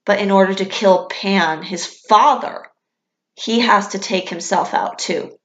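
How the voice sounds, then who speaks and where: A young woman vlogger chats about a favorite show in a candid, enthusiastic way and swears casually now and then. Her voice sits at an ordinary middle pitch. It is recorded in a room that gives it a noticeable echo. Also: a little slow. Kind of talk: casual fan commentary. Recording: echoey room.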